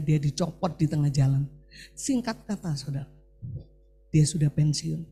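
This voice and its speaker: With a slightly rough, a little high voice, this middle-aged preacher gives an animated sermon, repeatedly calling the congregation "saudara" and putting questions to them.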